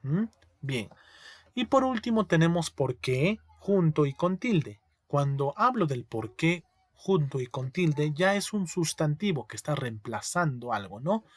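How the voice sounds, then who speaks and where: A male teacher giving a spelling lesson, explaining slowly, repeating each word and checking in with his students. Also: a little high, big pitch swings, dry recording.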